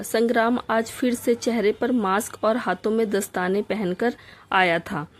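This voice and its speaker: A woman reading a heartfelt family story aloud as a storyteller, in a steady, emotional reading voice. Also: fairly high pitch. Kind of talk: scripted story narration.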